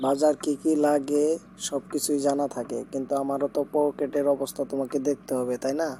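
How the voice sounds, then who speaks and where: A man's voice: medium pitch, level tone, fairly quick, close to an everyday voice. A man with a Bangladeshi accent playing an exasperated, placating husband bickering in an amateur domestic skit. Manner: bickering as a couple, protesting and pleading. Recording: loud background noise.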